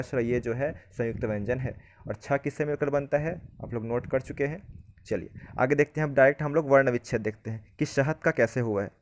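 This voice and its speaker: A man teaching a Hindi grammar lesson, explaining step by step and often asking whether it is clear. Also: mid-range voice, dry recording, clean studio sound.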